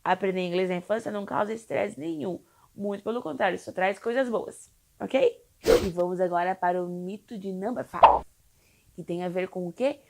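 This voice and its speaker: A woman's voice: medium pitch, normal speed, creaky, very noisy. A young woman from Brazil, an English teacher for children, explaining in a chatty, reassuring way with frequent tag questions. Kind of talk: casual explainer video.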